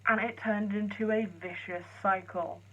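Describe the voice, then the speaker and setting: A woman talks quietly and chattily to her vlog viewers, her thoughts rambling from one thing to the next. Her voice sits at an ordinary pitch. The sound comes through a phone camera and is dull and lo-fi. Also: steady tone, normal speed. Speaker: vlogger. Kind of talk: casual vlog chat. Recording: lo-fi phone audio.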